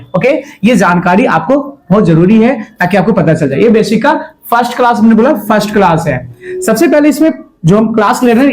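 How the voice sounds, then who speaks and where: A man's voice: high voice, rough recording. A man teaching a math class. He asks the students questions, answers them himself and repeats the key words. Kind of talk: classroom lecture.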